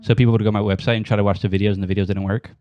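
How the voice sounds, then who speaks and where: A man's voice: lowish voice, level tone, very fast, highs cut off. A man in his twenties hosting a podcast interview, joking and bantering casually. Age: 20s. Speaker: podcast host.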